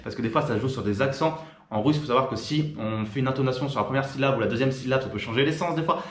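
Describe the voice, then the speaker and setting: A French man talks straight to the camera in a quick, informal patter, full of fillers and restarts. His pitch sits mid-range. The voice bounces around a roomy, echoing space. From France. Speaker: YouTuber. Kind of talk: casual direct-to-camera talk.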